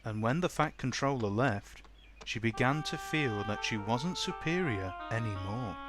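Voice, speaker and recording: A man narrating a children's storybook in a plain, steady way. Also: medium pitch, measured pace, music in the background.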